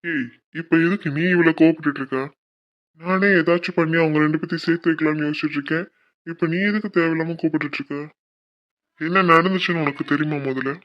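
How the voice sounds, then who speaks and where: A woman's voice: low voice, fairly even intonation, fast talker, lo-fi sound, close to an everyday voice. A woman voicing a level-headed young male college friend who reasons and soothes. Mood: earnest.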